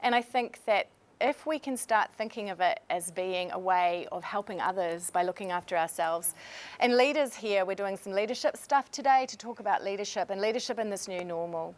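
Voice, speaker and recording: A woman's voice: medium pitch, a little fast. Earnest woman urging leaders on. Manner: earnest, persuasive, emotional at times. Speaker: webinar co-host on leadership. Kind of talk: motivational webinar talk.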